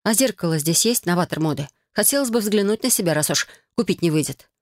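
An audiobook reader voicing a sharp-tongued young woman from a magic academy, indignant and exclamatory. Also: mid-range voice, lively intonation, fast talker, dry recording, clean studio sound, natural voice.

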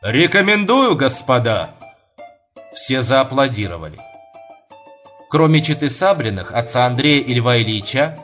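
A man narrating an audiobook in a lively, expressive manner. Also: on the high side. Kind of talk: audiobook reading. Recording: faint mandolin music behind.

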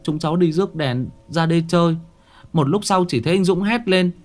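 A man putting on an urgent, high village child. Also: brisk, soft background music, close to an everyday voice. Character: excited village child reporting an accident.

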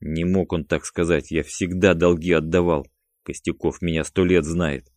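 A man reading an audiobook, voicing a desperate male debtor cornered by thugs who pleads and then yells for help. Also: sits low, level tone, moderate pace, no echo, clean studio sound, close to an everyday voice. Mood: pleading. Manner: panicked, pleading, yelling for help.

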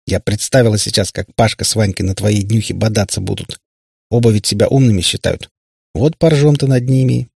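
A man with a husky voice reading an audiobook and voicing a sharp-tongued, boastful young witch girl. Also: lowish voice, no echo, clean studio sound. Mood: scoffing. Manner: teasing, boastful, quick to scoff.

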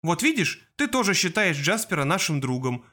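A man reading an audiobook voices a steady, loyal teenage boy who speaks calmly and reassuringly. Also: a little high, moderate pace, full character voice.

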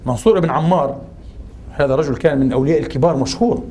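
Fast-talking man lecturing. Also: a little high, dark tone. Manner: poses rhetorical questions and pauses on filler sounds. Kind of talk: religious and cultural lecture.

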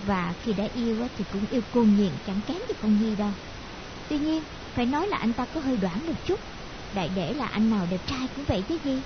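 A woman's voice: fairly high pitch, expressive, a little fast, natural voice. A woman voicing a worried young woman confiding chattily to a friend, in a hissy lo-fi audiobook recording. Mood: fretful.

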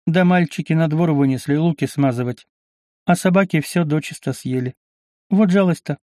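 A man voicing a lively, shy but spirited teenage village girl in an audiobook. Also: a little high, moderate pace, dry recording, clean studio sound, pitched above the performer's own voice, natural voice. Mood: playful.

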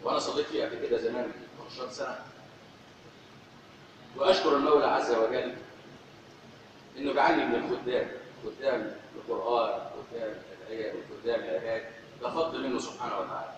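A man's voice: mid-range voice, quick pace, long pauses, a little hiss or hum. A man preaching with an Egyptian accent in a fervent, repetitive sermon style, addressing his congregation. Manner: fervent, repeating phrases for emphasis. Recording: echoey hall, distant, dull.

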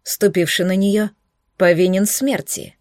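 A woman's voice: medium pitch, steady tone, a little mellow, no room sound, clean studio sound, lightly acted. A woman voicing a stern male sky lord and general who speaks curtly and grimly. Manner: curt, grim, measured.

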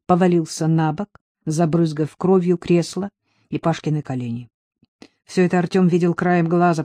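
A man narrating an audiobook in a measured, dramatic reading with swells of intensity. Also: sits high, warm tone, dry recording, studio quality.

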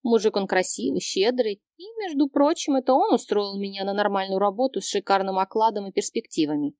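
A woman's voice: mid-range voice, lively intonation, brisk, darkish tone, no room sound, studio quality, lightly acted. A woman voicing a brash young female friend who snaps back bluntly, in an audiobook reading. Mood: defensive. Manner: snapping, blunt.

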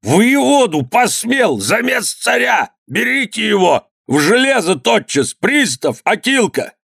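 A man voicing a furious, pompous old provincial governor who shrieks in a high, drawn-out voice. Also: big pitch swings, creaky, fairly bright tone, slightly rough, no echo, clean studio sound, full character voice. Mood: enraged.

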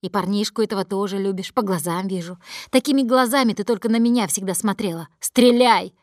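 A woman's voice: mid-range voice, fairly quick, no echo, clean studio sound, close to an everyday voice. A woman reading an audiobook voices a young male gang leader who taunts and threatens in a cold, bitter tone. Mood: taunting.

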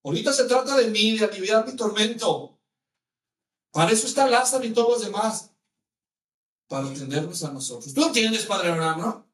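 Bossy rich man in torment, pleading and entitled, high-pitched, roomy and distant voiced by a preacher. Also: expressive, a little fast, pauses often, a bit bright.

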